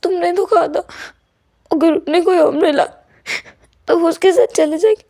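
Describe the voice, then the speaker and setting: A woman's voice: high-pitched, expressive, normal speed, darkish tone. A woman voicing an innocent young man who is hurt and tearful, speaking in a pleading, emotional way. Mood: hurt, upset.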